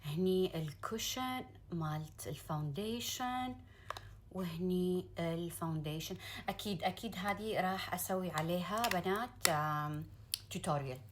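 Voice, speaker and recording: A woman with a Gulf Arabic accent chatting casually to viewers as a beauty vlogger, gushing and excitable, mixing in English words. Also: fairly low pitch, very noisy. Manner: excitable, gushing, drawn-out exclamations; sprinkles in English words and phrases. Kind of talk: casual unboxing chat to viewers.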